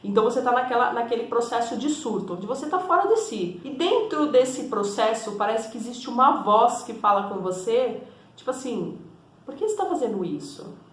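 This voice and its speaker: A woman's voice: fairly high pitch, animated, moderate pace. A woman therapist giving a conversational, explanatory teaching talk, often checking in with tag questions. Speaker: energy and spiritual therapist. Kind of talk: teaching monologue to camera. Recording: echoey room.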